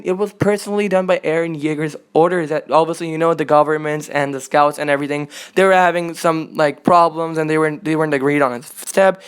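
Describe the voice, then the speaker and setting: Excitable young man recapping an episode. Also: on the high side, clear, resonant tone. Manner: animated, filler-heavy, gushing. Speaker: anime reaction channel host.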